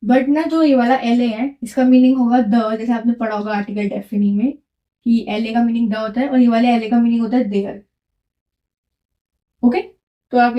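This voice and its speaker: High, mellow-voiced woman teaching French. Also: lo-fi sound. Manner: repeats key words with quiz questions; mixes English words into Hindi. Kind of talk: classroom-style lesson explanation.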